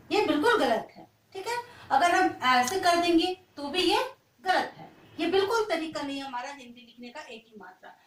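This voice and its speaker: A woman teaching young children, spelling out letters slowly and asking them patient questions. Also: high-pitched. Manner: slow, sing-song spelling out of letters. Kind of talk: children's language lesson. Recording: echoey room, mic at a distance.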